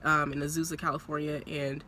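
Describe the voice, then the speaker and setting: A woman's voice: sits low, little pitch movement, brisk, bright, forceful tone, a little hiss or hum. A young woman vlogging from her parked car, chatting in a rambling, laughing way, her voice a little stuffy from a cold and recorded on a propped-up phone. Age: young adult. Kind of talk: casual talking-head vlog. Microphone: phone propped on a purse.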